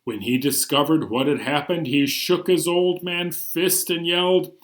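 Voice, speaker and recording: Here a man with a fairly high voice keeps a steady tone and a measured pace. As a children's storytime host and librarian reader, he delivers animated stories and songs for young children, reading and singing playfully and expressively with sudden emphasis.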